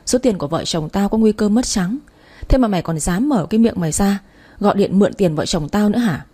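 A woman reading as a loud scornful aunt. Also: mid-range voice, expressive, a little fast, lightly acted. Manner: loud, cursing, contemptuous. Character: harsh, scornful middle-aged aunt.

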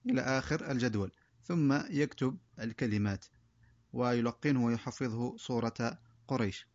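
A man's voice: mid-range voice, a little mellow, no room sound, lo-fi sound. A man teaching a reading primer for Quran recitation, explaining the lesson and modeling each syllable one by one. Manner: slow drilled syllable-by-syllable modeling.

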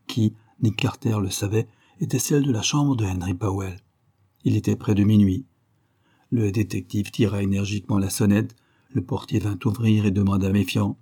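A man narrating a detective story in a steady, measured storytelling manner. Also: on the low side, husky. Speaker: audiobook narrator.

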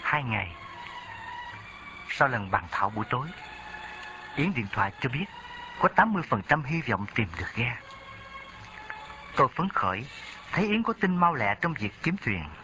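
A man's voice: medium pitch, sing-song, moderate pace, pauses often, highs cut off, music in the background. A man narrating a memoir in a reflective reading style.

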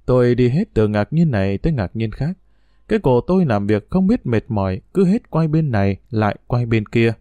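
A man's voice: mid-range voice, big pitch swings, moderate pace, mellow, no echo. Wry male storyteller, dry close sound. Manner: wry, reflective, conversational. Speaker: narrator. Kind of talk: first-person storytelling narration.

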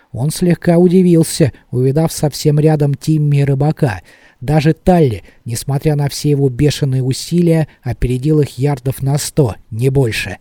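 A man narrating an audiobook in a measured, expressive reading. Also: medium pitch, no room sound, studio quality. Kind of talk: scripted narration.

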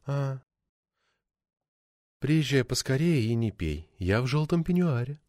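A man reading an audiobook, voicing a suspicious wife in a dry, contemptuous, creaky tone. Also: fairly high pitch, big pitch swings, moderate pace, darkish tone, no room sound. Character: suspicious, sarcastic wife, cold and scornful.

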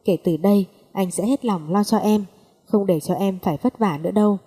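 A woman's voice: medium pitch, brisk, dark tone, breathy edge, close to an everyday voice. A woman voicing a young man, a devoted and emotional elder brother, with long reverb. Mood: tender. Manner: emotional, exclaiming.

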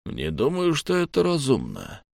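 A man's voice: mid-range voice, huge pitch swings, normal speed, creaky, no room sound, studio quality, voice pushed up. A man voicing a cautious, level-headed male companion who speaks in a subdued, doubtful, restrained way.

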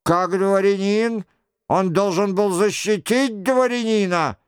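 A curious young courtier presses his questions in a raised, keen voice, as a male reader puts him on, with clear, careful diction and a close, dry sound. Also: high-pitched, slow, no room sound, pitched above the performer's own voice. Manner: eagerly questioning.

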